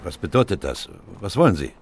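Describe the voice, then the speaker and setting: Earnest doctor-narrator for radio play: low, expressive range, measured and reflective. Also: male voice, slight background noise. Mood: wary. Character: Doctor Watson, earnest male doctor and troubled narrator. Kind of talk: radio drama narration and dialogue.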